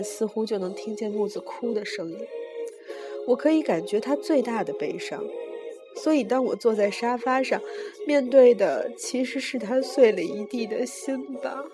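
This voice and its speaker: A woman voicing a lovesick young woman who speaks softly of her heartbreak in a storybook reading. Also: fairly high pitch, normal speed, over music, lightly acted. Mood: sorrowful. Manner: soft, sorrowful confession.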